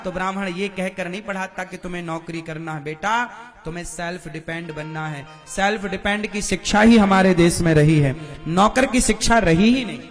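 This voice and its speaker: A man's voice: sits high, bright, forceful tone. A man preaching a devotional sermon to a live crowd, firing questions at the listeners and demanding answers. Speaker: religious preacher.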